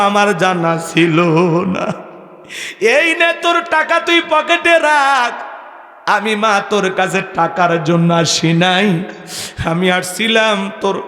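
A man's voice: high-pitched, sharp tone, exaggerated voice. A man voicing a grieving poor old mother who speaks tearfully and pleads with her son in a sermon story. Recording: echoey hall, long reverb.

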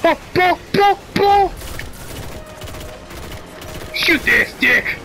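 A gamer yelling and swearing frantically while reacting to play with friends, over game music. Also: very high voice, lively intonation, very slow, creaky. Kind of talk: excited gaming reaction chat with friends.

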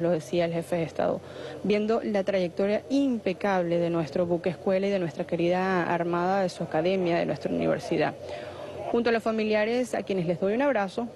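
A Venezuelan woman giving formal live news commentary in measured, ceremonious phrases as a television reporter. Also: mid-range voice. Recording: noisy live broadcast with ambient sound.

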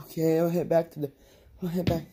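A woman's voice: sits low, little pitch movement, fairly quick, dark tone, breathy edge. A woman hosting a plush toy show, chattily narrating her toy play and talking to herself. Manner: chatty, talks to herself while acting out play.

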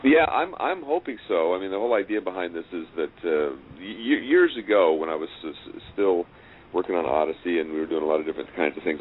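On a noisy, tinny, phone-like line, a man with a very deep voice is interviewed about a project as an audio drama writer and producer. He explains it conversationally but haltingly, repeating words as he goes.

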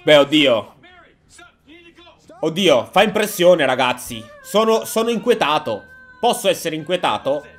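A man's voice: on the high side, big pitch swings, measured pace, pauses often, faint music behind. A man doing reaction commentary as a YouTube host, sarcastic and jokey, swearing freely.

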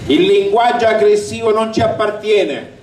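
An older man gives a declamatory, booming campaign speech from a balcony, reading with emphasis. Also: normal speed, a little mellow. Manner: declamatory, emphatic delivery to a crowd. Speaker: election candidate. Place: outdoor balcony over a town square at night. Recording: roomy, distant, noisy outdoor rally recording.

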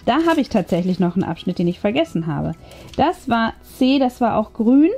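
Brisk and dark-toned, her slightly high voice swings widely in pitch as she narrates a craft tutorial. The host keeps things casual and talkative, working through ideas aloud over background music.

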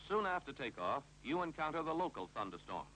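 The narrator of this 1950s instructional film is an American man whose bright, forceful voice sits a little high. He moves briskly and authoritatively, his pitch lively across each instruction, over poor audio with faint hum and noise.

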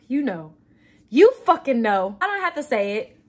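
A woman's voice: fairly high pitch, big pitch swings, a little slow. A woman reviewing a movie on her channel, exasperated, swearing often and breaking into laughter.

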